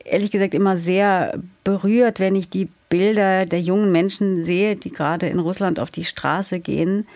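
A woman's voice: mid-range voice, fairly even intonation, normal speed, few pauses, a little mellow, no room sound. A woman novelist who grew up in the Soviet Union, answering in a thoughtful, searching way with some hesitations in a radio interview. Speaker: novelist guest.

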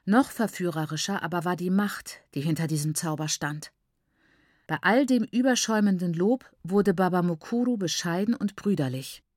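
A woman reading a first-person novel aloud in a calm, even narration. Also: fairly low pitch, moderate pace, no room sound. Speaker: audiobook narrator. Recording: dry close studio recording.

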